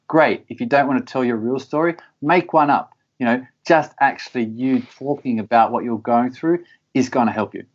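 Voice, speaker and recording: Guy, earnest, kinda muffled audio, pitch right in the middle. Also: normal speed. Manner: earnest, repeats words when stressing a point. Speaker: podcast guest. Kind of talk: candid conversational interview.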